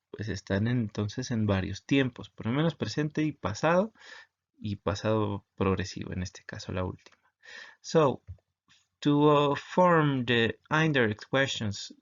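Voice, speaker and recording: A man's voice: mid-range voice, dull audio. A man teaching English grammar to students, patiently explaining in Spanish with English examples.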